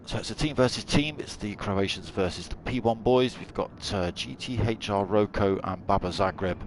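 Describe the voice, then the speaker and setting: A man's voice: fairly low pitch, normal speed. A man giving chatty, jokey live commentary on an online racing event, cracking dad jokes between updates. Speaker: race commentator and streamer. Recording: loud engine and track noise behind. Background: racing car engines.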